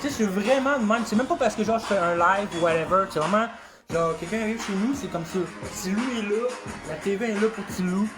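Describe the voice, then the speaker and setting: Rambling Québécois rapper over a beat. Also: male voice, sits high, a little fast, music in the background. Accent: Québécois French. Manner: rambling, swears often, chatty with viewers. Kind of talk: casual livestream chat and freestyle rapping.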